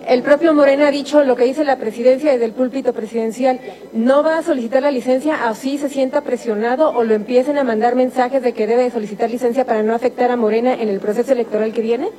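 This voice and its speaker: Reporter lady, high dark voice, fast and pushy. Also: fairly even intonation. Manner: pressing, insistent. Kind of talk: press questions.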